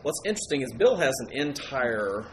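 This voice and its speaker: A man's voice: mid-range voice, big pitch swings, fairly quick. Man, casual paranormal host, rambling and self-correcting, faint room hum behind. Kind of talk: casual chat.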